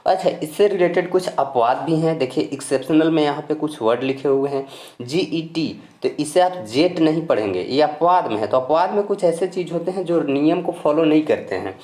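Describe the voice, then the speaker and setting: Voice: medium pitch, animated, brisk, dark tone. A teacher from India giving a patient, step-by-step pronunciation lesson. The teacher spells words letter by letter, repeats each rule and keeps reassuring the learners. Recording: roomy echo.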